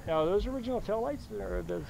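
Lively gravelly man asking from off-mic. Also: sits high, fast talker, slight background noise. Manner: brief upbeat reactions and questions. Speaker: interviewer. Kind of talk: casual interview. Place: outdoor show field. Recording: off-mic with crowd behind.

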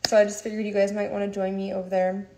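A woman's voice: medium pitch, flat delivery, quick pace, darkish tone. A young woman with a slight lisp, chatting casually and rambling to followers on a phone livestream at home. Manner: chatty, rambling, laughs often. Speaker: social media creator. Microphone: phone held close, livestream.

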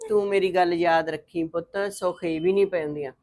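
A middle-aged woman with a lowish, darkish, natural voice speaks briskly and steadily as a motherly aunt in a Punjabi web drama. Soothing but stern, she comforts her crying niece by quoting proverbs.

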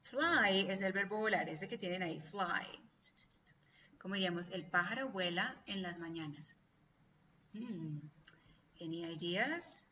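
A woman teacher speaks slowly and deliberately, her bright voice quizzing students with steady patience. She sounds a little distant from the mic, the call audio dull and lo-fi with a faint hum behind her. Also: medium pitch. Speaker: English teacher. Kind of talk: online class teaching.

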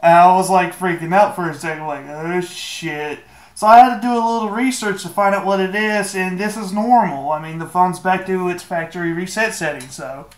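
A man's voice: sits high, a little fast, few pauses. Casual man guiding a phone tutorial, echoey room. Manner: laid-back and joking, with mild swearing. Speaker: tech tutorial maker. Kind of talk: casual screen-recorded walkthrough.

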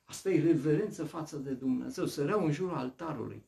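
A man preaching a sermon, asking rhetorical questions and swinging between loud and hushed speech. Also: on the high side, vocal fry.

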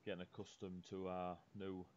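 A man's voice: low-pitched, monotone, normal speed, darkish tone. A man playing a tabletop game, joking and offhand. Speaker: player. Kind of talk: casual tabletop role-play. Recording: dull lo-fi audio with faint noise.

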